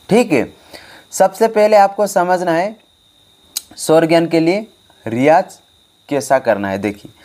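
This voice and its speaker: Slow, emphatic male music teacher. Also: fairly high pitch, darkish tone. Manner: repetitive, emphatic, addresses students directly. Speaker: harmonium teacher. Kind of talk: online music lesson. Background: faint harmonium.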